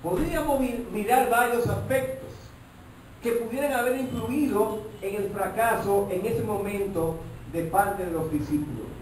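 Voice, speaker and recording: A man's voice: high-pitched, a little slow, darkish tone, a little hiss or hum. A male pastor preaching a sermon, often breaking off to address his listeners as brother. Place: church hall. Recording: echoey hall, mic far off.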